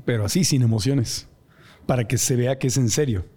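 A man's voice: medium pitch, fairly quick, warm tone. A male podcast host in casual conversation, readily agreeing and adding his own points. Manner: agreeable, chimes in with affirmations.

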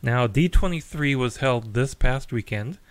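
A man's voice: medium pitch, expressive, a little slow, dry recording. A man hosting a geeky news podcast, chatty, with wry asides and frequent fillers. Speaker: podcast host.

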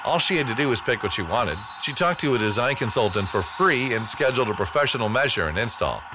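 A man's voice: mid-range voice, lively intonation, fast, background noise, close to an everyday voice. An actor playing a cheerful young man bragging about his new blinds in scripted ad dialogue, upbeat and playful. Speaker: actor in a radio ad.

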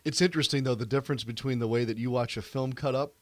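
A man's voice: mid-range voice, fairly even intonation, quick pace, no echo. A man hosting a casual sports interview.

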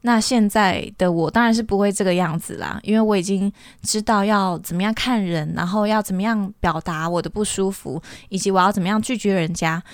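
A woman's voice: medium pitch, a little fast, few pauses, no echo, studio quality. A young woman, hosting a podcast and telling a personal story in a candid, chatty, earnest way. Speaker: podcast host.

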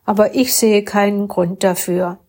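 A woman's voice: mid-range voice, fairly even intonation, measured pace, warm tone, close to an everyday voice. A woman reading a storybook, voicing a grumpy husband who has just been woken up. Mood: grumbling. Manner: grumbling, unwilling.

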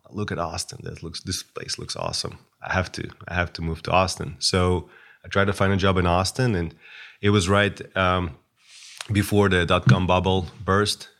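A man's voice: sits low, a bit bright. A man, a guest chatting casually and hesitantly, with many fillers and restarts. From Russia. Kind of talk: casual interview chat.

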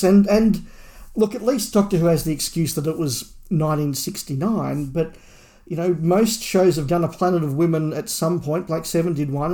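An Australian man in his forties co-hosts a podcast, sharing his opinions in a relaxed, conversational chat. His voice sits on the high side with a dark tone.

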